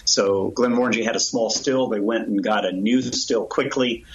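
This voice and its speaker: Low-voiced man telling a distilling story. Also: fairly even intonation, normal speed, highs cut off, a little hiss or hum. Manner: enthusiastic storyteller, explains with asides. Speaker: distillery owner. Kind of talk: casual interview chat.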